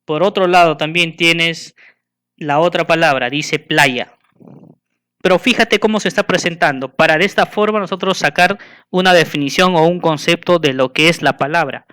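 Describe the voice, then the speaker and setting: A man giving a school lesson, patiently asking the listener questions and slowly spelling and counting things out. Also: on the high side, a bit bright, clean tone. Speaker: teacher.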